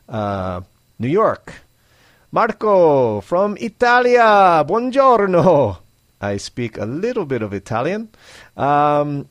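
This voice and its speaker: A man's voice: medium pitch, no echo. A man hosting an English teaching show, reading out listener greetings and pronouncing names carefully. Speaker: English teacher, podcast host.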